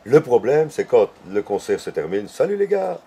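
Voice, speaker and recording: Un homme âgé à l'accent belge qui raconte ses souvenirs avec entrain, en imitant les dialogues. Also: male voice, mid-range voice, normal speed, gravelly, breathy edge. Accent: Belgian French. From Belgium. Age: older. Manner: animated storyteller who acts out dialogue. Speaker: interviewee. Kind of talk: casual storytelling interview.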